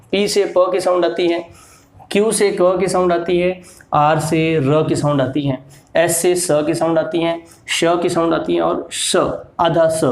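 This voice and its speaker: A man with a slightly high, darkish voice teaches English to beginners in a slow explanatory lesson, with a roomy sound. He explains the sounds of each letter and patiently repeats words and examples.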